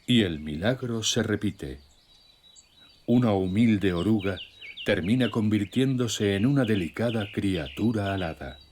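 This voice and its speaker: A man narrating a scripted nature documentary in a measured, solemn storytelling way. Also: lowish voice, animated, darkish tone. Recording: music bed with nature sounds. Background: music, birdsong and nature sounds.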